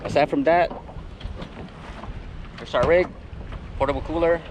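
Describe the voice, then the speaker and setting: A man narrating a casual vlog, halting and often pausing mid-sentence. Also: fairly high pitch, steady tone. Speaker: kayak fishing vlogger. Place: outdoors at a beach by the water. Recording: outdoor water and wind noise.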